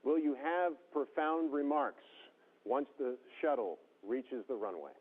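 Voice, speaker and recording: A man's voice coming through a thin, phone-like radio link, like a sci-fi communicator. He is a news interviewer who asks formal, measured questions in a steady middle pitch. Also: slightly rough. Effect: radio link to space station.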